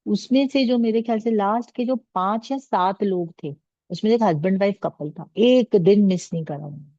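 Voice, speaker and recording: A middle-aged woman leads a life-coaching session, slipping between Hindi and English and acting out little family exchanges as she teaches. Her voice is mellow and low in brightness. The recording is dry and somewhat dull. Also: normal speed, no room sound. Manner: mixes Hindi and English, quotes family dialogue in different voices. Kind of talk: casual group coaching talk.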